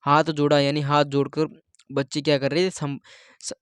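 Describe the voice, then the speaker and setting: A man's voice: a little high, completely flat delivery, moderate pace, smooth, dry recording, clean studio sound. Man teaching an exam-prep lecture. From India. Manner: repetitive, checks in with 'ठीक है?' often.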